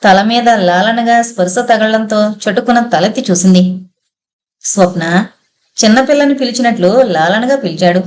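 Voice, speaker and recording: A woman narrating a novel in a measured storytelling manner. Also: mid-range voice, a little mellow. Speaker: audiobook narrator.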